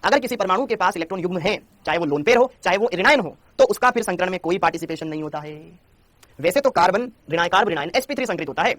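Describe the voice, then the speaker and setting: Young guy teaching chem super fast, keeps repeating stuff, nags the class to answer. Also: sits high, expressive, a bit bright, dry recording. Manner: rapid, repetitive, coaxing students to answer. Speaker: chemistry teacher. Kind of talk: Hindi classroom lecture.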